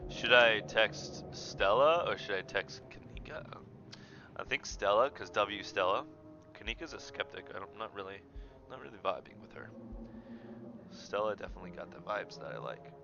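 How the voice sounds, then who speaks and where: A man's voice: fairly low pitch, lively intonation, moderate pace, bright, forceful tone, muffled recording, faint music behind. A man hosting a video game playthrough, reading the game text aloud and joking with his viewers. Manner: goofy, jokey, talks to chat. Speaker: gaming channel host.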